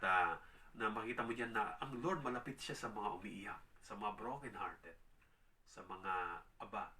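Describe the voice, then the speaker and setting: A man gives a conversational Bible teaching, often checking in with his listeners and slowing right down whenever he reads a verse. His voice is very bright and forward, and it sounds a little distant, as if he is standing back from the microphone. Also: on the low side. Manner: tag questions, reads scripture slowly, dramatizes quotes. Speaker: preacher.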